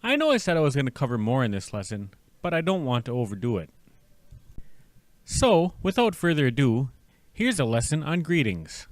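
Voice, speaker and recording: A man's voice: medium pitch, huge pitch swings, no echo. A man teaching a language lesson, patiently sounding out syllables and words for the listener to repeat. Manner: slow, drawn-out repetition of syllables.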